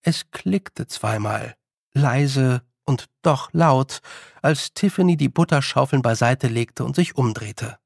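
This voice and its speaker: A man narrating an audiobook in a calm, even storytelling manner. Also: medium pitch, takes it slowly, gravelly, dry recording, clean studio sound.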